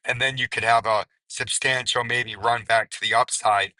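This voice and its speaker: A man hosting a market commentary video, hoarse and raspy, his strained voice nearly gone. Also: mid-range voice, steady tone, moderate pace, sharp tone, no room sound, rough recording. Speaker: crypto video host.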